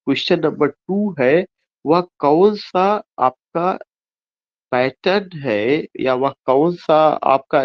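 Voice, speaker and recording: A man's voice: on the high side, highs cut off. A man teaching an exam-prep lesson on poetry, repeating each point and quizzing himself aloud. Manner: reads English slowly word by word, explains in quick Hindi. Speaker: English literature teacher. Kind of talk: exam-prep lecture mixing Hindi and English.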